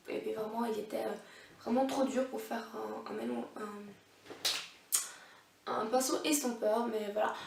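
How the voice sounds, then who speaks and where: A woman's voice: a little high, creaky, darkish tone, slight background noise. A young woman reviewing makeup brushes in a casual, hesitant way, with many fillers and restarts. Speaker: beauty vlogger. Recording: echoey room, voice a bit far from mic.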